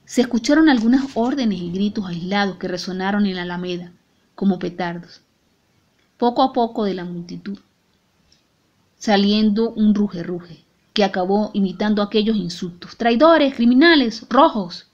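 A woman with a Latin American Spanish accent narrating an audiobook in a measured, grave tone. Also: medium pitch, a little mellow, highs cut off. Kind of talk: audiobook reading.

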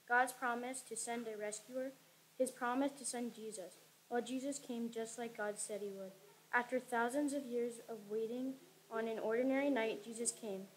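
A woman reading an Advent story aloud in church in a steady storybook manner. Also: a little high, slight background noise, poor audio. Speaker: Advent reader. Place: church sanctuary stage.

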